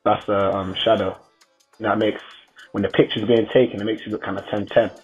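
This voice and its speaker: A man's voice: fairly low pitch, little pitch movement, fairly quick, breathy edge. A young man with a London roadman accent and slangy delivery, giving casual, joking commentary as a voice-over. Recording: slightly muffled, music behind.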